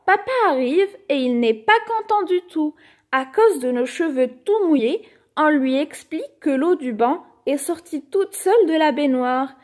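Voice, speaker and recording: A woman reads a children's picture book aloud, her voice sitting high and bright in pitch. She takes her time, unhurried and gentle, and gives the lines an expressive, animated bedtime-story lilt.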